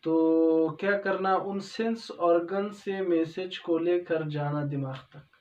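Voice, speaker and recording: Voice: medium pitch, slow pace, a little mellow. Patient biology lecturer who counts out points and explains diagrams. Heard from a distance, with a muffled sound. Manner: asks rhetorical questions and answers them, repeats "okay" often. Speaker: biology teacher. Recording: dull, roomy sound from a distance from the mic.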